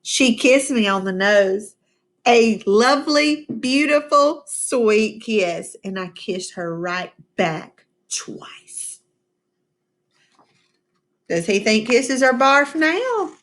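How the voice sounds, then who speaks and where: A woman teacher reading a storybook aloud to children, pausing to ask them questions and explain words. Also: fairly high pitch. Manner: expressive, asks the children questions, slow and patient. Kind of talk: storybook read-aloud with class discussion.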